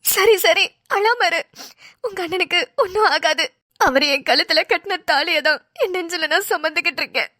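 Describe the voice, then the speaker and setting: A woman's voice: extremely high pitch, moderate pace, bright, forceful tone, no echo, clean studio sound. A woman voicing a frightened young wife who tearfully pleads for her husband in a cartoon.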